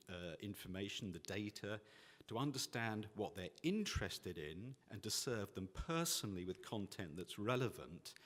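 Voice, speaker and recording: Guy on a panel wrapping up his talk, lowish voice, measured and earnest, lots of hall reverb. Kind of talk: closing a conference talk. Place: conference hall.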